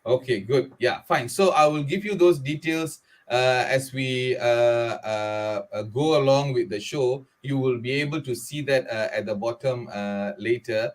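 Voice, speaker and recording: A male talk show host with a Malaysian English accent, talking in a middle pitch. He pauses constantly on long "uh" fillers as he leads his guest through a video call interview. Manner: hesitant, many drawn-out "uh" fillers.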